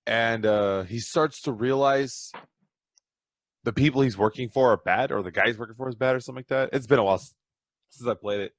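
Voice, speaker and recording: A man's voice: mid-range voice, fairly quick, no room sound. Rambling guy on a podcast, dry sound. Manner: rambling, self-deprecating storyteller. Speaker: podcast guest. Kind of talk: casual chat.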